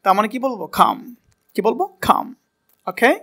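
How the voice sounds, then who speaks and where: A man's voice: high-pitched, big pitch swings, moderate pace, gravelly, bright, forceful tone. A man teaching a spoken English class, asking a student to repeat words and correcting how they are said. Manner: coaching pronunciation, asks and repeats words.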